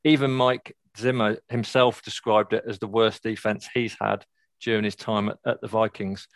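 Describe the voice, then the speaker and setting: Relaxed podcast host. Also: male voice, fairly low pitch, moderate pace, no echo. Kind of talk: casual sports podcast chat.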